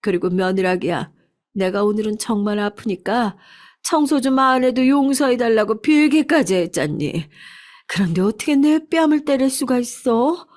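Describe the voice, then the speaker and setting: A woman voicing a frail elderly mother who talks slowly and pleads weakly. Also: mid-range voice, darkish tone, lightly acted. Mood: tearful scolding. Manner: slow, feeble pleading.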